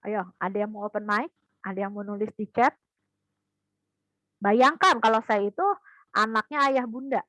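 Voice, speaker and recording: A woman with a medium-pitched voice speaks at normal speed with frequent pauses, captured in a dry, low-quality recording. In an online parenting seminar, she tells stories with energy and speaks straight to the parents.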